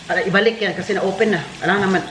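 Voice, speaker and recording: A woman's voice: medium pitch, steady tone, rapid-fire, fairly bright tone, a little hiss or hum. A woman from the Philippines chatting casually to her viewers in a home vlog, often laughing and dropping English words into her talk. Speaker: vlogger. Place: home in Germany, indoors and outdoors.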